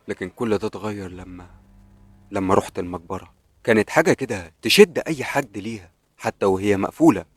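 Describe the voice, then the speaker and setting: A man with an Egyptian accent tells a scripted horror story in the first person, brooding and dramatic. His voice is low and husky and rushes along very fast. The sound is close and dry. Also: dry recording. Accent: Egyptian Arabic.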